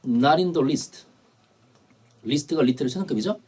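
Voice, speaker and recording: A man's voice: fairly high pitch, a little slow, a little mellow, husky. A man teaching an English test prep lecture, explaining grammar and repeating key terms.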